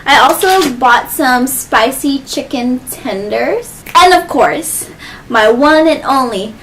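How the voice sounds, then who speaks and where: A woman's voice: high-pitched, animated, a bit bright, slight background noise. A woman hosting a casual eating video, chatting playfully between bites. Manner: playful, chatty, with chewing pauses. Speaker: mukbang host. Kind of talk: casual chat while eating.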